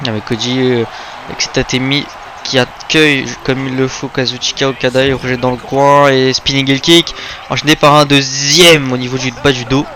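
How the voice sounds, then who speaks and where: A man calls play-by-play commentary on a video game wrestling match, naming moves and exclaiming at the big ones. His mid-range voice is level in tone, at normal speed, bright and forceful, with slight background noise.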